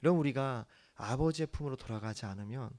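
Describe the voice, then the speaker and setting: A man preaching a sermon as the church's pastor, earnest, swinging from hushed lines to emphatic ones. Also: medium pitch, fast.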